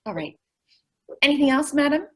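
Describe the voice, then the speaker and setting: The actress voicing the sweet, scatterbrained young clerk speaks briskly in a high, darkish voice with big swings in pitch. Her delivery stays cheerful and naive, earnest and guileless, taking everything literally, in classic old-time radio comedy style.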